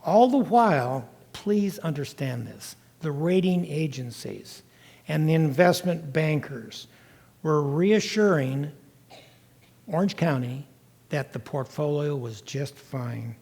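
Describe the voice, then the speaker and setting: Older male lecturer, slightly high-pitched voice, explanatory and emphatic, long hall reverb. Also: slow pace, gravelly, a little mellow. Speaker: guest lecturer recounting time in county government. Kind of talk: public lecture, first-person account.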